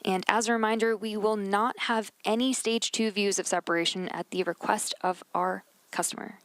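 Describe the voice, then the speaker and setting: A woman's voice: medium pitch, fairly even intonation, moderate pace, fairly bright tone, no echo. A woman hosting a live launch webcast, explaining each step in commentary. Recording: faint background noise.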